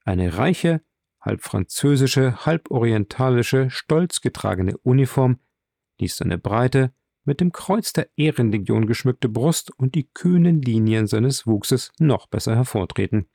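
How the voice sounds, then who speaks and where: A man reads a classic novel aloud at an even, unhurried pace. His voice sits at a middling pitch and the recording is close and dry, with no room sound. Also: gravelly, dry recording. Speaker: audiobook narrator. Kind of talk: scripted narration.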